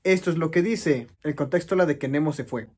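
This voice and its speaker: Man, English teacher, explanatory lesson, slightly high voice. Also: fast talker, darkish tone. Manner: explanatory, asks questions and answers them himself.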